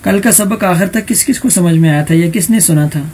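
A man's voice: sits high, a little mellow, a little hiss or hum. A man teaching an online Arabic grammar lesson, speaking patiently and calling on students by roll number over a computer mic. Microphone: computer mic in an online voice chat room.

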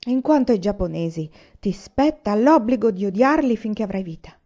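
A woman's voice: mid-range voice, expressive, moderate pace, mellow, muffled recording, close to an everyday voice. A woman reading the part of a stern young man who firmly urges his brother home, in an audiobook reading. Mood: urgent. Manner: firm, urgent, commanding.

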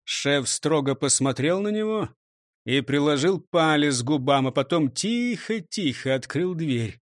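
A man narrating a children's story in an animated, expressive reading. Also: on the high side, measured pace, dry recording, clean studio sound.

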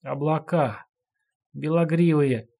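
A badly hurt woman murmurs fragments of a children's song in a distant, dazed voice, slightly raised in pitch, as a male reader puts her on. The tone is husky and breathy. It is storybook narration with her voice acted in. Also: takes it slowly, warm tone, heavily acted. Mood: dazed murmuring.

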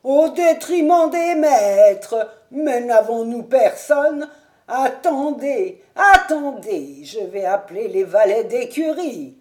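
A woman's voice: on the high side, lively intonation, slow, darkish tone, pitched above the performer's own voice. A woman voicing a fussy, anxious old male castle servant with a quavering voice in an audiobook. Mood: flustered. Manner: quavering, fretful, exclaiming.

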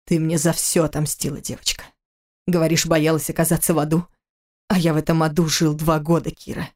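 A woman reading an audiobook, voicing a brooding estranged husband who talks in a low, growling, resentful way. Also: steady tone, fairly quick, darkish tone, close to an everyday voice.

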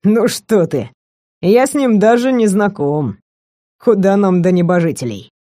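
Audiobook villain: a woman playing a calm, low-voiced werewolf abductor, dry close sound. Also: measured pace, no room sound, close to an everyday voice. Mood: mocking. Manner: low, quiet, threatening, mocking. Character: calm menacing male werewolf kidnapper, young man. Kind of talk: audiobook character voice.

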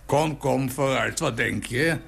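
An old man putting on a boastful loud ninety-one-year-old. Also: medium pitch, slow pace, vocal fry, slight background noise, heavily acted. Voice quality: loud, attention-seeking.

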